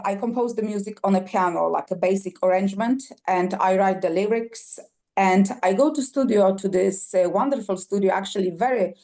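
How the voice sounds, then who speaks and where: Medium in pitch with a darkish tone, this woman is a Polish singer-songwriter being interviewed on a podcast. Her mother tongue is Polish, and she talks with enthusiasm but haltingly, leaning on fillers and frequently repeating or restarting.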